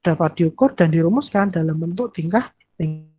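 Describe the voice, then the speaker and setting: A man's voice: on the high side, moderate pace, husky, no echo. Man lecturing over a choppy call. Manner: explanatory, with restarts and fillers. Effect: choppy, breaking-up online call audio. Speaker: presenter on an online class call. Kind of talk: online lecture on curriculum history. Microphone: video call. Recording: dull, dry video-call audio.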